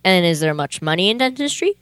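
In a comic old-time radio play, a young woman plays a businesslike male detective who's easily exasperated and questions people deadpan. Her voice is fairly low and quick-paced, with no echo.

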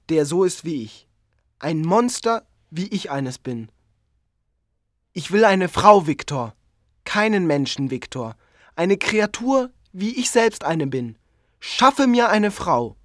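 Sad, pleading giant creature for a storybook drama: slow, lots of melodic swing. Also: medium pitch, dry recording, studio quality. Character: lonely, pleading giant creature made by a scientist. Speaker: narrator of his own story.

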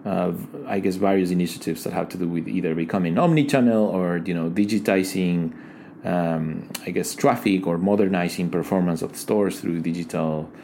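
An Ecuadorian man, a digital design leader, is the guest in a casual interview, speaking thoughtfully but haltingly with many fillers and restarts. His voice is low and darkish with vocal fry, over slight background noise.

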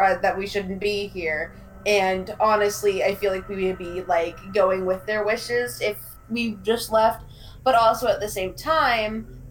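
A woman's voice: mid-range voice, a little hiss or hum, poor audio. A woman player in a casual tabletop role-play who talks bluntly and sarcastically and swears freely.

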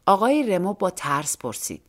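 A woman's voice: lowish voice, very animated. A woman narrating a short story for an audiobook, reading expressively and acting out the dialogue.

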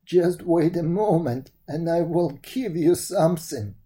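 A storyteller voicing a kindly old fairy woman in disguise, speaking slowly and solemnly. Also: medium pitch, warm tone, lightly acted.

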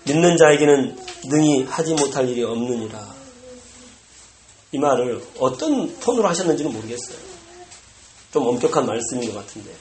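A pastor delivering a sermon, animated and bursting into loud exclamations, recorded in a church sanctuary. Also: medium pitch, moderate pace, pauses often. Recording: echoey room with faint noise.

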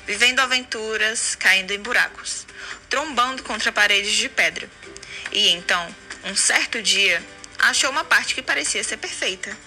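A woman reading a children's story aloud in an expressive narrating style. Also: mid-range voice. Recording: music under the voice. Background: music.

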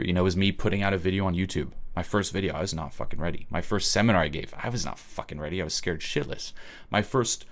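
A man from Switzerland giving a blunt, emphatic motivational webinar talk, swearing freely and often checking in with "okay?". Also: low-pitched.

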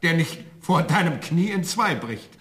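A man's voice: on the high side, animated, measured pace, a bit bright. An actor playing a farmer who is the father of a giant son, in a radio play. He talks in an insistent, matter-of-fact way. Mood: resigned.

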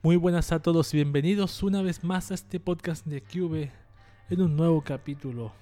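A man's voice: fairly high pitch, moderate pace, dark tone, faint music behind. A man hosting a casual podcast monologue, joking and rambling, using a lighter voice than before. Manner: jokey, rambling, self-mocking. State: trying a lighter, less forced voice. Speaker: podcast host.

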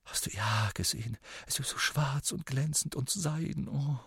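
A man doing lovesick teenage Ron, breathy. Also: normal speed, dry recording, clean studio sound, exaggerated voice. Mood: lovestruck whisper. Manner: breathy lovestruck whispering, then shrill shouting. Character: lovesick teenage boy wizard, gushing, then furious.

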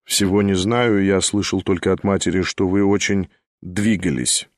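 A man voicing a cold, calm and aloof young nobleman who answers curtly. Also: sits low, moderate pace, no room sound, clean studio sound, pitched below the performer's own voice, natural voice. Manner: cold, restrained, curt.

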